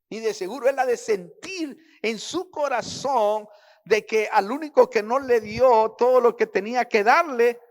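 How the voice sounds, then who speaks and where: Emphatic preaching man, middle-aged. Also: sits high. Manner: emotional, emphatic preaching with rising intensity. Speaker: pastor. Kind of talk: sermon.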